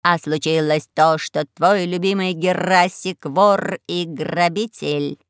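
A sly old crow, put on by a woman reading an audiobook, who drawls her words slowly and wheedles. She is greedy and self-pitying. The recording is dry and close, with no room sound. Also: on the low side, fairly even intonation, clear, resonant tone, no room sound. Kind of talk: audiobook character voice.

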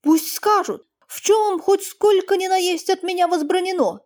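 A woman's voice: very high voice, moderate pace, darkish tone, pitched above the performer's own voice. A woman reading an audiobook, voicing an older peasant man who speaks plaintively and deferentially. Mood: sorrowful. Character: older peasant man, meek, sorrowful, fawning.

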